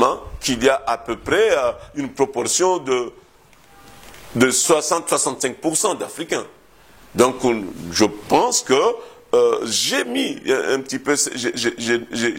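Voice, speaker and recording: Husky-voiced historian, halting and thoughtful. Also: male voice, mid-range voice, a bit bright. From Comoros. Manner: measured, thoughtful, hesitates often with repeated words. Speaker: historian interviewed about his thesis. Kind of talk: interview answers.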